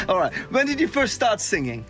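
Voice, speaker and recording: A man hosting a radio show who fires off quick, upbeat interview questions at his guest. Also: high voice, huge pitch swings, over music. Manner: brisk rapid-fire questions, upbeat. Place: radio studio.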